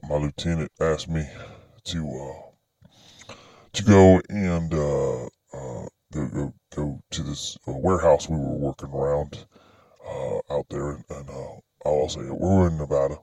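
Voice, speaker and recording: A man playing a frightened military private, stammering and halting in a disguised deep voice through a voice changer. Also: dark tone, breathy edge, no echo, exaggerated voice. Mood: nervous, scared. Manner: nervous, halting, stammering, repeating words. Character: frightened anonymous military private telling his secret story. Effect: pitched-down voice changer. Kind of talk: confessional testimony for a podcast.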